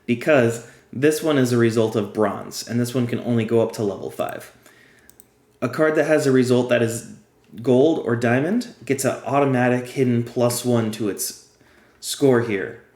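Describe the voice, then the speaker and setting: A man's voice: medium pitch, normal speed, a little mellow, roomy sound. A man who is losing his voice, chatting casually as he plays and explains a card game step by step. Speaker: game guide creator. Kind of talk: casual gameplay tutorial.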